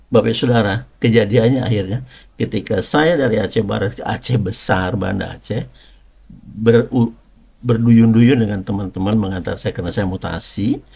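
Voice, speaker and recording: A man's voice: on the low side, gravelly, a little mellow, husky. A middle-aged man preaching and telling a personal testimony, in a conversational style full of rhetorical questions and emphatic repetition.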